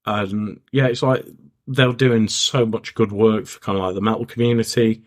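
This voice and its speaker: A man's voice: lowish voice, steady tone, normal speed. A man co-hosting a podcast in casual chat, rambling and restarting sentences while he has the hiccups. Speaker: podcast co-host.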